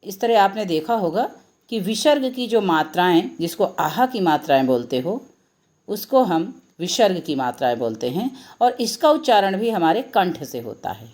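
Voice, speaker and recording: A woman's voice: fairly low pitch, big pitch swings, darkish tone. A woman teacher giving a lesson to children, reading example words out one by one. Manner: slow, deliberate word-by-word reading of examples. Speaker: Hindi teacher.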